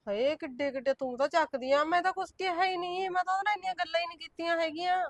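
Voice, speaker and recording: A woman acting out a widowed mother who begs and swears her innocence. Her voice is high and the words tumble out fast. It sounds close and dry. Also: fairly even intonation, no room sound. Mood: pleading. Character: pleading widowed woman with small children, meek. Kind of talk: village short-film drama.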